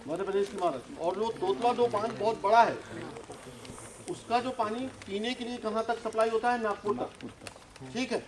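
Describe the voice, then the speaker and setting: A man in his sixties, a retired forest officer, teaching schoolchildren outdoors in a forest, quizzing them and urging quick answers. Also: sits high. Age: 60s. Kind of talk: outdoor nature lesson to schoolchildren. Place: outdoors in a forest with a group of children. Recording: noisy outdoor recording.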